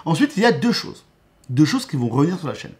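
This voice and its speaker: A man's voice: on the high side, sing-song, fast, slight background noise. Chatty man giving a channel update. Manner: enthusiastic, with frequent restarts. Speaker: YouTube host and game master.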